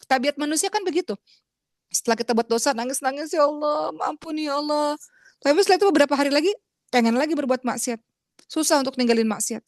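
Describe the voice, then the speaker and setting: An Indonesian woman preacher delivers an earnest religious lecture, addressing her listeners directly as friends and calling herself Uma. She acts out pleading prayers with rising pitch, and her darkish voice is captured in clean studio sound with no room echo.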